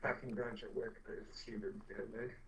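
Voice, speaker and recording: A man's voice: mid-range voice, steady tone, brisk. A man calling in from a break room at work, his voice distorted and robotic as the call breaks up, giving short clipped answers. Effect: distorted, robotic, breaking-up internet call. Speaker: caller on a livestream. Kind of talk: casual chat. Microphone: phone call app. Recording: dull lo-fi distorted call audio.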